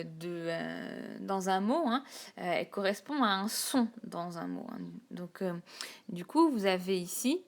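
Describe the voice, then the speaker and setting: A woman teacher talking through a recorded whiteboard lesson, pausing often with fillers and counting syllables out slowly. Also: medium pitch. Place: home desk, recorded on a tablet.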